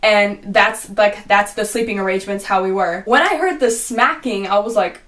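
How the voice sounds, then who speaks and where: A young woman casually telling a storytime vlog, rambling with lots of "like" and swearing, and quoting her own reactions in a hushed voice. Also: mid-range voice, moderate pace. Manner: rambling, heavy use of "like", frequent swearing. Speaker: vlogger.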